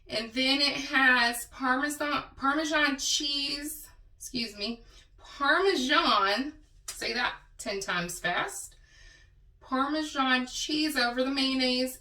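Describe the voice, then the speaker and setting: A woman's voice: high voice, sharp tone, recorded from a distance. A woman from the Texas Panhandle with a West Texas accent, chatting casually in her eating vlog, stretching out her words and saying y'all. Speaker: mukbang vlogger. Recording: echoey room, a bit off-mic.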